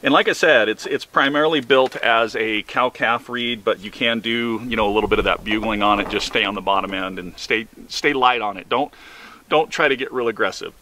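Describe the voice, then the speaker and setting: A man's voice: on the low side, a little fast, pushed and bright, a little hiss or hum. A man giving a casual, instructional product review in a folksy, informal way, repeating himself as he goes. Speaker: product reviewer of hunting calls.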